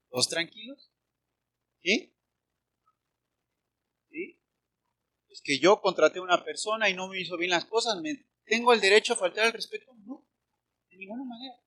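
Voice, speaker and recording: A Mexican man preaches a sermon in a ringing, forceful voice. His pitch sits high for a man, and he keeps asking the congregation for agreement. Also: normal speed, pauses often. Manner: animated preaching with rhetorical questions to the congregation. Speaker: pastor.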